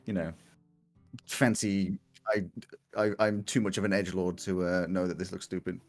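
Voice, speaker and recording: A man narrating a tabletop game as game master, improvising in a jokey, animated way among friends. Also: low voice, moderate pace, faint music behind.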